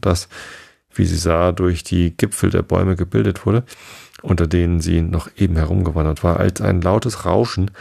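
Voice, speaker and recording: A man narrating a classic fairy tale as an audiobook, steady and unhurried. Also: low-pitched, creaky.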